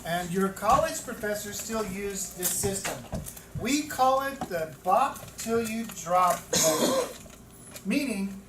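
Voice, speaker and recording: A man in his fifties, a teacher trainer giving an animated lecture with stories, repeating words for emphasis. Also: sits high, slow. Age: 50s. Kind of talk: classroom lecture. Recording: echoey room from far off, noisy.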